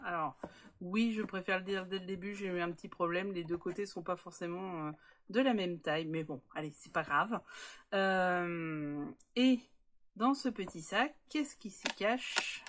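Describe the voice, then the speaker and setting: A woman hosting a casual scrapbooking tutorial, chatty and joking, with many hesitations as she shows her work. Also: lowish voice.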